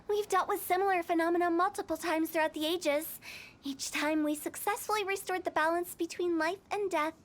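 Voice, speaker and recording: A woman with a very high, steady voice at normal speed voices a young funeral director in an English-language video game, sounding confident and theatrical. The delivery is earnest and story-like, with game music in the background and a little hiss or hum.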